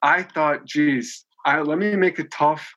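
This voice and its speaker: His voice runs on the high side and a bit bright, and he doesn't hurry. He's a podcast guest in his late twenties, rambling chattily with many restarts and fillers during a casual conversational interview.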